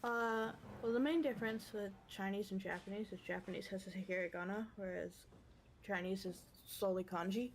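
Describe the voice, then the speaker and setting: A woman's voice: medium pitch, fairly even intonation, brisk, a little hiss or hum. A woman co-commentating on a game stream in casual, giggly chat. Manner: giggly, laughs often.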